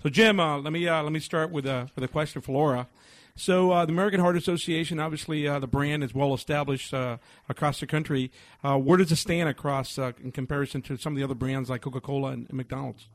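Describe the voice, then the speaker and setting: Male co-host, Spanish accent, halting and filler-heavy questions, slightly high voice, dry recording. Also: steady tone, dry recording. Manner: hesitant, many uhs, friendly. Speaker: radio co-host. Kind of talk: radio interview questions.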